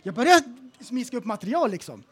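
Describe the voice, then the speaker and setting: A man with a very high voice tells comic stories on a casual podcast. He talks in an animated way and acts out the people in his stories. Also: husky. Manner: animated storyteller, acts out quotes. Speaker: podcast co-host. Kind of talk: casual comedic podcast chat.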